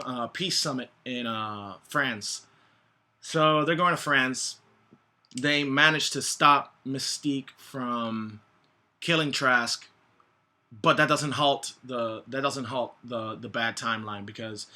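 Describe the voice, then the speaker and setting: Bright, forceful man rambling profanely. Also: mid-range voice. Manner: profane, slangy, blunt; halting, groping for words with many false starts. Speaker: movie reviewer. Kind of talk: casual, rambling movie review.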